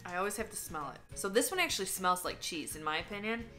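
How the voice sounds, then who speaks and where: A woman's voice: mid-range voice, lively intonation, quick pace, sharp tone, soft background music. A woman chatting casually while tasting food for a vlog, candid and talkative, sometimes talking with her mouth full. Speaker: vlogger. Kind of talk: casual taste-test vlog.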